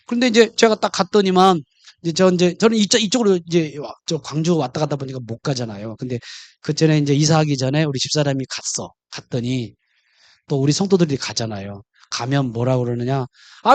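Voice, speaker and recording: A pastor preaching a sermon, who keeps asking the congregation questions in an animated way. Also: male voice, fairly high pitch, fairly quick, no echo.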